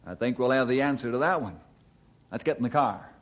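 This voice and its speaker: An actor playing a calm, kindly, confident Western ranger in an old-time radio drama, with a folksy, earnest, reassuring manner. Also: male voice, mid-range voice, a little fast, muffled recording, over loud music, close to an everyday voice. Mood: calm, determined.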